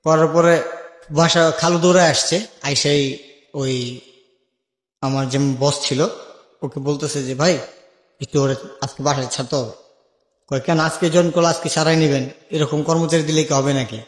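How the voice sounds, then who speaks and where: Pausing often, a young Bangladeshi man speaks at normal speed in a slightly high voice with fairly even intonation. As a guest in a radio-style interview, he shares his life story colloquially, acting out dialogue from memory, in an echoey space with long reverb.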